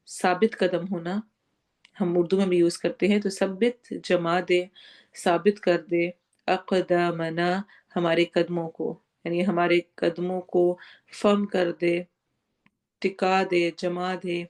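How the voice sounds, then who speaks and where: Slow, careful woman teaching Quran recitation. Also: on the low side, flat delivery, darkish tone. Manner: explains word by word, drawing out recited words slowly; mixes English words into Urdu. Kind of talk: Quran lesson with tajweed and translation.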